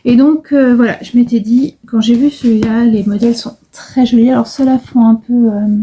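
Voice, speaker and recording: A woman's voice: on the high side, fairly even intonation, moderate pace, dark tone, a little hiss or hum. A middle-aged woman chatting casually in a vlog about her embroidery, hesitant and rambling with many fillers and restarts. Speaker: embroidery vlogger.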